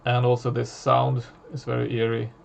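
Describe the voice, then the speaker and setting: A man narrating as game master of a tabletop horror game, halting, with many fillers and restarts. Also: mid-range voice, monotone, vocal fry.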